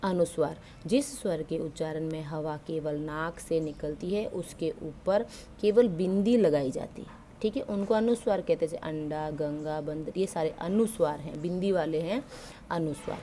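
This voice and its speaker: A woman teacher with a low, mellow voice walks students through grammar one point at a time. She asks a question, then answers it herself, dropping English words in as she goes. A faint hiss of background noise sits under her voice. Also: normal speed. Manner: mixes English words into Hindi. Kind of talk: explaining Hindi grammar to school students.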